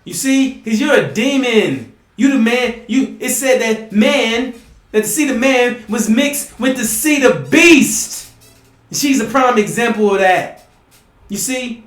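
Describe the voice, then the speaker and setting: A man preaching emphatically to his listeners, often asking "you see?" and sometimes rising to a shout. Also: very high voice, lively intonation, a little slow, echoey room. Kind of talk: impassioned preaching monologue.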